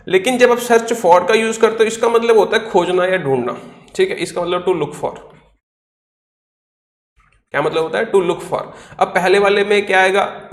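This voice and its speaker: High-voiced man teaching vocabulary. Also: echoey room. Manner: explains step by step, asks questions and answers them himself; spells words out letter by letter. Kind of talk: online class lecture in Hindi.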